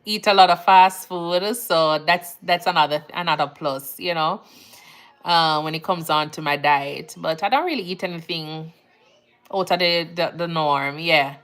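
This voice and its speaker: There's an unhurried quality to this lowish-voiced woman, a Jamaican nurse hosting a livestream. She reads viewers' comments aloud and chats casually in a Jamaican accent, relaxed and chatty, laughing easily and using Jamaican phrasing.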